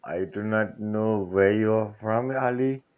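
A man from the United Kingdom calling in to a show, telling deadpan, absurd jokes in broken English. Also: on the low side, measured pace, smooth, lo-fi sound. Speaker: caller, fellow podcaster. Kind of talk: joking call-in banter.

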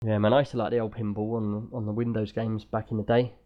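A man's voice: fairly low pitch, little pitch movement, fast talker, dull audio. A British man talking casually and enthusiastically as the host of a gaming podcast.

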